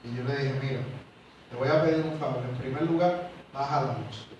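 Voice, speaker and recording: A man's voice: medium pitch, fairly quick, lo-fi sound, a little hiss or hum. A man, a pastor telling a personal testimony in a sermon and acting out the dialogue. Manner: animated storytelling, acts out dialogue, swings from loud to quiet. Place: large church sanctuary. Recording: echoey hall, mic from far off.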